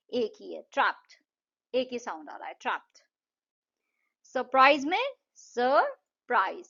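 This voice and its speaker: Woman tutor, slightly high voice, patient and slow on key words, dull lo-fi recording. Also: creaky, a bit bright. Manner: patient, repeats words slowly to show syllables. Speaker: English tutor. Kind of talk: Hindi-English explanation of a textbook lesson.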